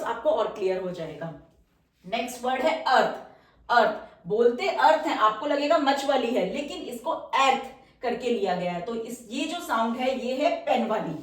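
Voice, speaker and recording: A woman teaching shorthand at a whiteboard, patiently walking through each example and answering her own questions. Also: high-pitched. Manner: patient, repeats key terms, asks and answers own questions. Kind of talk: whiteboard lesson explaining step by step. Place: room with a whiteboard. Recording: echoey room, far from the mic.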